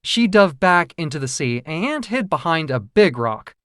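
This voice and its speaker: Reading from a script, a storyteller performs a children's fairy tale with a lively, expressive voice that rises and falls. The medium-pitched delivery is unhurried. The recording is dry, with no room sound.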